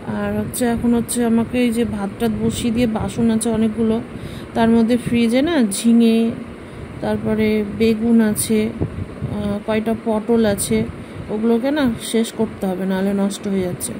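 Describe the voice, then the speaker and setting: A woman's voice: a little high, little pitch movement, measured pace. A middle-aged woman chatting casually to her viewers about her household chores in a rambling, homely way. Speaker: vlogger. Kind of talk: casual household vlog chat. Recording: noisy home recording.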